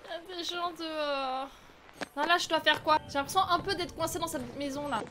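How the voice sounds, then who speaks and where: A woman's voice: high voice, a little fast, slight background noise. A woman in her twenties giving chatty, nervous live commentary as she plays a game. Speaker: livestreamer. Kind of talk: casual live gaming commentary. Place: small room at home, indoors. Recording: loud game music behind voice.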